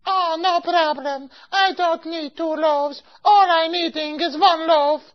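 A woman's voice: extremely high pitch, fairly even intonation, takes it slowly. A woman playing a fussy older customer and matchmaker who speaks broken English full of Yiddish words and keeps repeating herself. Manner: picky, insistent, repeats herself. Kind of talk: amateur comic storytelling skit. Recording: dull lo-fi recording.

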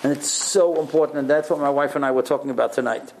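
A man's voice: on the high side, steady tone, quick pace, darkish tone, slight background noise. A middle-aged man giving a Torah lecture as a rabbi, emphatic, repeating phrases and asking rhetorical questions.

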